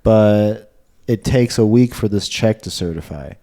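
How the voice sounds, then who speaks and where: A podcast co-host with a fairly low, warm voice speaks a little slowly, chatting in a casual, informal and laid-back manner.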